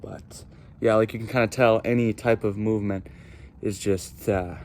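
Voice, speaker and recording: Bearing the cold of a stream under a small bridge, a young man talks unscripted to his camera in halting bursts with pauses. His voice is on the low side, darkish and steady. The handheld phone or camera picks up clear outdoor ambience.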